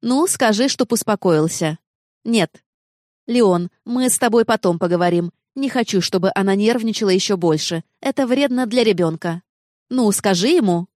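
A woman reading a worried young woman who scolds her friend, voice lifted high and sharp with alarm. The tone stays mellow and soft-edged, heard up close with no room sound at all. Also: moderate pace, no echo, lightly acted. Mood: firm. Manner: scolding, agitated.

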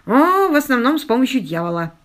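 A woman's voice: high-pitched, very animated, fast, pitched above the performer's own voice. A woman voicing a beaten-up young Englishman who jokes his way through his ordeal, in an audiobook. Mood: wry. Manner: ironic, lightly self-mocking. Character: battered, wry young Englishman, joking despite injuries.

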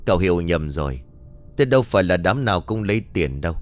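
A man's voice: low voice, expressive, fast. A man voicing a blunt, wry older female village shaman who talks brusquely and commandingly.

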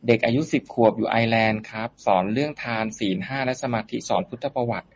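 A man briskly and politely reading out submitted questions to a monk. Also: mid-range voice, steady tone. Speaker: question reader. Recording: dull lo-fi sound.

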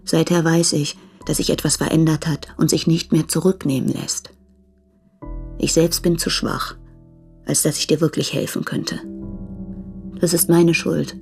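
A woman's voice: low voice, steady tone, unhurried, creaky, long pauses, darkish tone, faint music behind. An actress playing a married woman in a radio play, torn between her husband and a lover, speaking earnestly and pleadingly.

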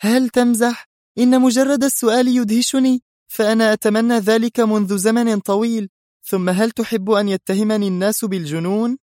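A man putting on an excited young woman. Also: a little fast, no echo, clean studio sound, close to an everyday voice. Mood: teasing. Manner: high and eager. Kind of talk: audiobook character reading.

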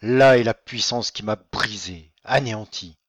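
A man's voice: lowish voice, a little slow, fairly bright tone, no room sound, studio quality, voice pushed down. A man voicing a despairing old nobleman. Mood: bitter. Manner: declamatory, grieving. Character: old ruined nobleman, proud, despairing father. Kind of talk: audiobook reading.

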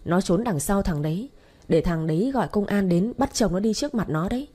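A woman's voice: mid-range voice, animated, fairly quick, breathy edge. Woman doing a furious bullying young husband. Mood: angry. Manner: shouting, sneering. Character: angry young husband, hot-tempered and bullying.

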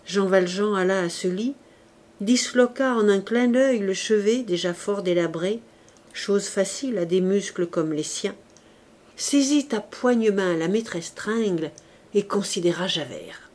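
A woman narrates a classic novel in a steady, dramatic storytelling manner. Her voice sits at an ordinary middle pitch for a woman, suited to a long audiobook reading. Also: measured pace.

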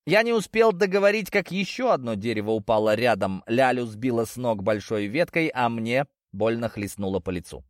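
A man narrating a fantasy story in the first person as an audiobook, in steady, expressive storytelling. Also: mid-range voice, moderate pace, few pauses, no echo, clean studio sound.

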